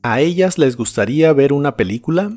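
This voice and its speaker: A man teaching English to Spanish speakers in a scripted lesson, pronouncing each word slowly and carefully. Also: fairly high pitch, lively intonation, darkish tone, soft background music. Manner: slow, careful model pronunciation of English words.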